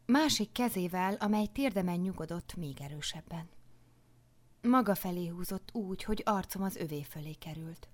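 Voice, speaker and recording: Reading a first-person novel aloud for an audiobook, this woman uses a lowish voice that stays hushed and frequently sinks to a whisper.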